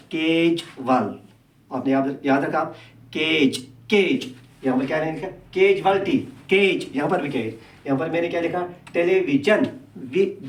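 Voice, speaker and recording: A Kashmiri man whose first language is Kashmiri, teaching an Urdu lesson. He repeats each sound slowly and answers his own questions. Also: on the high side. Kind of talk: classroom lesson. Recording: echoey room, far from the mic.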